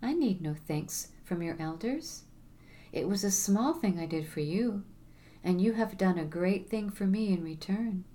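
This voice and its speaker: A woman's voice: medium pitch, lively intonation, measured pace, mellow, close to an everyday voice. A woman voicing a young mother driven from home, speaking in a pleading, emotional way. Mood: grateful, humble. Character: desperate one-handed young mother, pleading.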